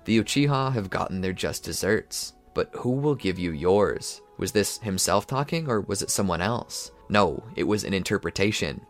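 A man narrating a dramatic fan fiction story in a steady read. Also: on the low side.

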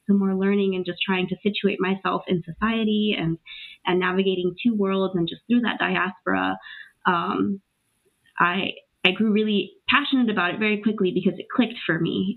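Young woman guest, thoughtful and halting, gravelly voice, sounds like a phone line. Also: medium pitch. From Peru, raised in Los Angeles. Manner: reflective, many fillers and restarts. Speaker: guest, racial equity educator. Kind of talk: casual interview talk.

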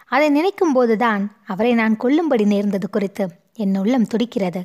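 A woman's voice: fairly high pitch, moderate pace, a little mellow, natural voice. A woman voicing a distraught young noblewoman who pleads and sobs with guilt, in a storybook reading. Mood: pleading. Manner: pleading, sobbing between words.

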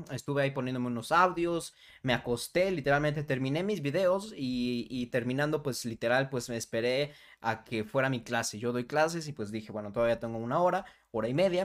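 A young adult man, hosting a motivational podcast in a conversational way, often checking in with "¿vale?" and guiding the listener through affirmations. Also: medium pitch. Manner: warm conversational, frequent "¿vale?" and "¿no?" tags. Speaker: podcast host.

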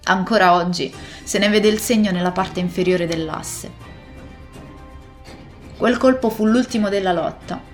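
A woman narrating a classic adventure novel as scripted narration, telling the story in a steady, expressive way. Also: medium pitch, a little slow, pauses often, soft background music. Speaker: audiobook narrator.

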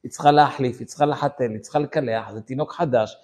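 A rabbi teaching a lesson to a live audience, telling a story and acting out scenes in different voices. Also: male voice, mid-range voice, a little mellow.

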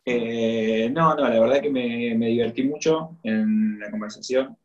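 A man with a Latin American Spanish accent chatting casually and hesitantly, with pauses. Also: medium pitch, muffled recording. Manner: hesitant, pausing. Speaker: athlete guest. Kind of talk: casual conversation.

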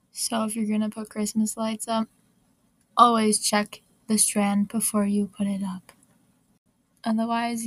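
A woman giving a scripted informative talk in a dry, deadpan way. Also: medium pitch, gravelly, no echo, low-quality recording. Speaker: presenter.

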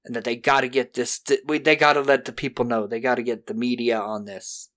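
A man's voice: mid-range voice, little pitch movement, a little fast, fairly bright tone. A man co-hosting a podcast, casually retelling a film's story and acting out bits of dialogue. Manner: animatedly acts out characters' lines. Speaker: podcast co-host. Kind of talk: casual film recap chat.

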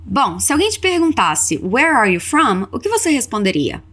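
A podcast host with a Brazilian accent leads a scripted language lesson with repeat-after-me drills. Her voice is fairly high and a bit bright, with huge pitch swings at a moderate pace. She's instructive, carefully enunciating example phrases for listeners to repeat.

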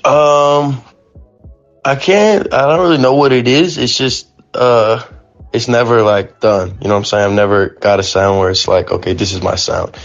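A man's voice: medium pitch, moderate pace. A young man from North Carolina, a rapper guest answering questions in a laid-back, slangy way. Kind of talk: casual interview chat. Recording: lo-fi live stream audio with faint music.

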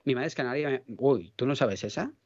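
A man's voice: medium pitch, normal speed, darkish tone, dry recording, lo-fi sound. A man from Catalonia with a faint Catalan accent, chatting as a podcast guest, rambling, hunting for words and swearing casually. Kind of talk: casual chat.

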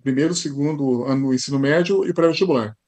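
A man from Brazil with a São Paulo Portuguese accent, a podcast guest telling stories in a lively casual way with frequent tag questions. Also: mid-range voice, fast. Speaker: podcast guest, high school teacher. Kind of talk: casual interview storytelling.

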